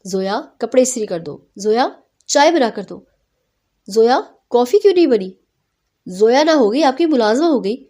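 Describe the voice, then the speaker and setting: A woman voicing a quarrelsome young bride who complains in shrill, dramatic outbursts. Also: animated, warm tone. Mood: defiant.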